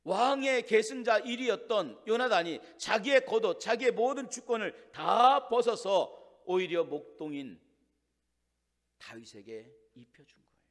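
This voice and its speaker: Korean pastor preaching in a reverberant church. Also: male voice, sits high, big pitch swings, unhurried. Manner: preaching with rhetorical questions, swings between loud emphasis and hushed lines. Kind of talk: sermon. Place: church sanctuary. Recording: long church hall reverb.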